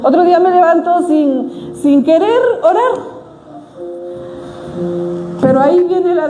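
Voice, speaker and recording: Middle-aged woman preacher, earnest and halting, mellow tone, recorded in a reverberant church hall. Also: very high-pitched, dull audio. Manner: earnest, exhorting, with frequent hesitations. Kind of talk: sermon.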